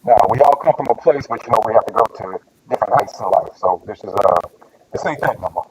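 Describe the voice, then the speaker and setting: A man's voice: lowish voice, fast talker. A man in casual chat on a live stream, his voice muffled and underwater-sounding over a Bluetooth headset, talking in a laid-back, slangy way. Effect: muffled underwater-sounding audio over a Bluetooth headset. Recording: distant muffled Bluetooth audio with noise.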